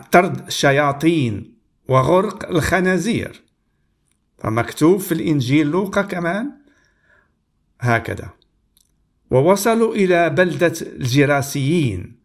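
A man preaching, reading Bible passages aloud in a measured, deliberate way and pausing to comment on them. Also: on the high side.

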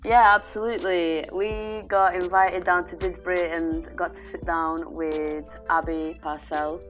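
Lowish-voiced woman hosting a casual podcast. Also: level tone, a little slow, a bit bright, soft background music. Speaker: podcast co-host and interviewer. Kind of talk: casual chat.

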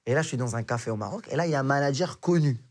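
A young man from Morocco, a comedian guest, telling a story in a casual, animated way and acting out the dialogue. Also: medium pitch, racing.

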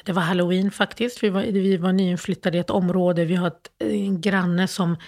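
A grieving woman as an interview guest, telling a personal story in a halting, emotional way with many restarts. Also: lowish voice, fairly even intonation, darkish tone.

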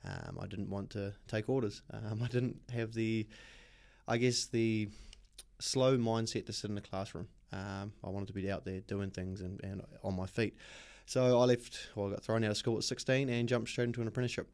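A man with a New Zealand accent speaks as a podcast guest, open and reflective as he talks through his upbringing. He often pauses on an um. His voice sits on the lower side. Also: fairly even intonation, gravelly, a little mellow. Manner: open, reflective, many ums. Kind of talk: personal storytelling in an interview.

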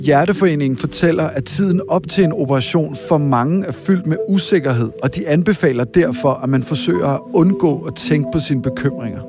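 A man narrating a documentary and asking calm, measured interview questions. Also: on the high side, over music.

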